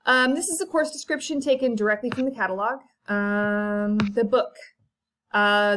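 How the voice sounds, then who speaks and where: A woman college instructor with a slightly bright, medium-pitched voice casually walks through her course syllabus in a lecture. She's chatty and informal, with many ums, fillers and asides, and she coughs now and then.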